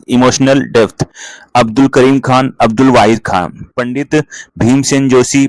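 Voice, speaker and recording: Fast-talking male exam-prep teacher, dry sound. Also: medium pitch, no echo, rough recording. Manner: rattles off lists, switches freely between Hindi and English terms; keeps adding "ठीक है" as a filler. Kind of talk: fast revision lecture.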